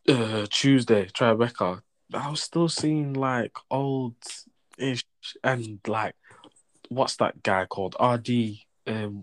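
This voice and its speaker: A young man with a London roadman accent, chatting casually and protesting in slangy, repetitive bursts. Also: lowish voice. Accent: London, urban roadman slang style. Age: young adult. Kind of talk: casual banter chat.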